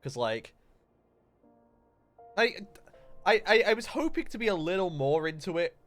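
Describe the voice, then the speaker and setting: A man's voice: sits high, sing-song, measured pace, fairly bright tone, soft background music. Rambling man streaming a game. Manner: casual, rambling, thinking aloud. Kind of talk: live gameplay commentary.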